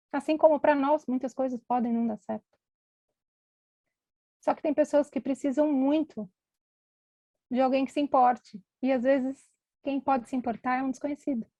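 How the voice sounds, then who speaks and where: Doctor lady telling stories at an event, kinda high voice, warm and mellow, dry close sound. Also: dry recording. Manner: conversational, acts out other people's voices. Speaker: physician giving a talk. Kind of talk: storytelling talk at an event.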